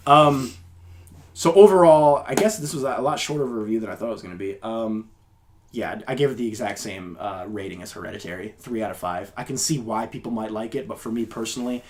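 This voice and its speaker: A man's voice: lowish voice, fast, slight background noise. A man co-hosting a film review podcast, chatting casually and animatedly, with lots of filler words. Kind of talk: casual chat.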